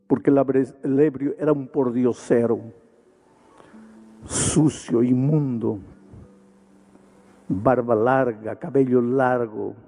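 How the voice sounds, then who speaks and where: Pastor guy preaching hard in a big arena, dark warm voice, keeps repeating himself. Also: medium pitch. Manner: impassioned preaching with emphatic repetition. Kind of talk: evangelistic sermon. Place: large arena.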